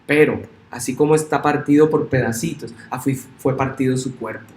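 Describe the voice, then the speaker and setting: A male pastor preaching a sermon in a church, emphatic and swinging up into loud, high exclamations. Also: normal speed, roomy sound, a little hiss or hum. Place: church sanctuary.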